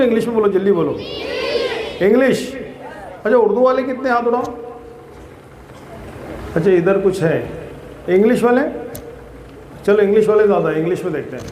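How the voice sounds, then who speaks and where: A fatherly man with a high-pitched yet darkish voice motivates students at an outdoor school event, quizzing them and calling them "beta." There's a roomy echo and a slight hiss or hum on the audio.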